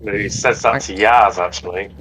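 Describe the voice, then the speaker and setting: A man narrating casually as game master, often halting and correcting himself. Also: lowish voice, fairly even intonation, fairly bright tone, faint music behind.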